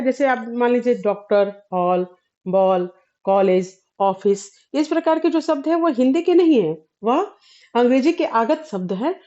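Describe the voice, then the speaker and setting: A woman with a fairly high yet mellow voice teaches a Hindi grammar lesson. She explains slowly, pausing and filling gaps, and often clears her throat. The recording sounds dull and lo-fi. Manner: explains slowly with many fillers and pauses.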